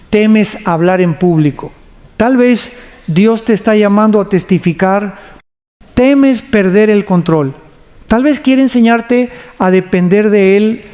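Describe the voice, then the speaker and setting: Slow, high-voiced male preacher. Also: darkish tone. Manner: solemn, measured delivery; leads listeners in prayer. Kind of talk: devotional sermon narration.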